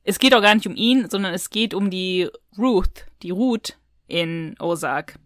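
Speaking a little slowly at medium pitch, this woman co-hosts a relaxed podcast about audio dramas, recounting things in a rambling, everyday manner. The audio is studio quality, free of room sound.

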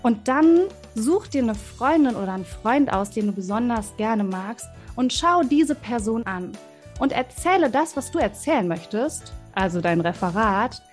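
Speaking straight to kids, a guest voice and communication expert explains things warmly and encouragingly, using vivid examples during an interview. Her voice is on the high side with lively intonation and a normal speed, and faint music can be heard behind her.

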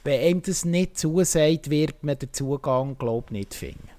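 A man's voice: on the high side, moderate pace, warm tone. Man musing on films. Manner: thoughtful, filler-heavy. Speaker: podcast co-host. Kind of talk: casual film review chat.

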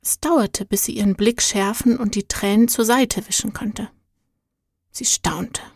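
A woman reads a tender storybook tale at an unhurried pace, her voice soft and partly whispered. The sound is dry and close, with no room around it. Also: medium pitch, creaky, no echo. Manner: soft, calm, often half-whispered telling. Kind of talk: scripted narration of a spiritual children's story.

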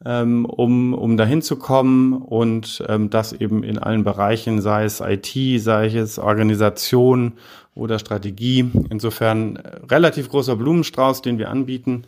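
A middle-aged man from Heidelberg, guest on a podcast interview, talking in a measured, hesitant way with frequent fillers. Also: medium pitch, fairly even intonation, a little mellow. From Heidelberg, Germany. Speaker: podcast guest, business consultant.

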